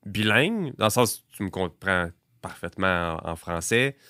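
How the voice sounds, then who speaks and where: A man's voice: low-pitched, animated, normal speed, bright, forceful tone, dry recording, studio quality. A man with a Quebec French accent, hosting a podcast and asking long, curious questions in casual chat. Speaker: podcast host. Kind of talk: casual interview.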